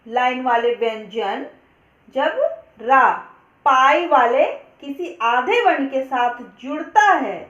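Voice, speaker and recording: A woman teacher explaining a grammar lesson step by step, slowly working through examples. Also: sits high, expressive, a bit bright. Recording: echoey, dull lo-fi room recording.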